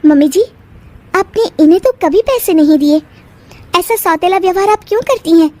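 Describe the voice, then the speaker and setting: A woman voicing a sharp-tongued, defiant young wife in a cartoon, with shrill retorts. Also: animated, normal speed. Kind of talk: cartoon voice acting.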